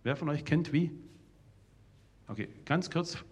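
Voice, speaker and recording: A man gives a lively storytelling talk to young people and parents, acting out remembered dialogue. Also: on the high side, unhurried, a little hiss or hum. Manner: animated, shouts out remembered dialogue. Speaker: speaker addressing an audience of young people and parents.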